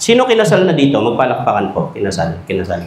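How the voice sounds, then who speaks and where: A man giving a humorous, animated talk to teachers in a school hall. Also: medium pitch, rapid-fire, a little hiss or hum. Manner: animated, joking, acts out quoted voices. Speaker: speaker at a teachers' seminar. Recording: echoey hall.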